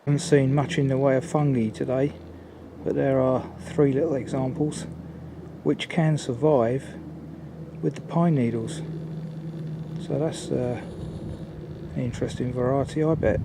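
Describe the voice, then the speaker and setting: An older man giving a casual, unhurried, observational commentary as he films a walk outdoors. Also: medium pitch, steady tone, gravelly. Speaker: hiking vlogger. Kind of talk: casual walking commentary to camera. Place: outdoors on woodland and mountain trail. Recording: outdoor ambient noise.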